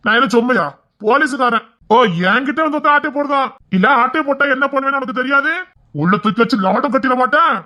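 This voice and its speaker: Performer playing a blunt, fast-talking young husband. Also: high-pitched, bright, forceful tone. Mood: firm. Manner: blunt, rapid, scolding. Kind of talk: family drama skit.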